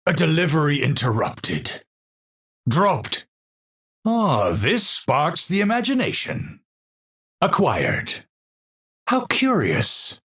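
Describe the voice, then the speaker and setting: An eccentric video-game astrophysicist with a Dutch accent speaks in a slightly rough, breathy, a bit bright voice at a slow, measured pace. Huge pitch swings lend his learned, professorial phrasing a grandiose, unstable edge. Heavily acted and deliberate, he sounds curious and pondering.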